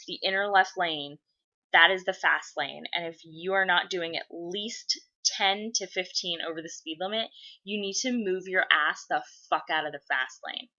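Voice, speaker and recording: A woman's voice: fairly low pitch, normal speed, sharp tone, highs cut off. A woman in her twenties chatting casually, blunt and swearing freely as she gets worked up. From USA. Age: 20s. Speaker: vlogger. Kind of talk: casual chat.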